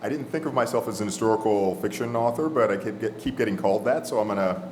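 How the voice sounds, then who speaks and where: A man's voice: on the low side, fast, roomy sound, a little hiss or hum. A man from Texas, a novelist, describing his book on a festival panel with a hesitant delivery full of fillers. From Texas, USA. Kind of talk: panel talk.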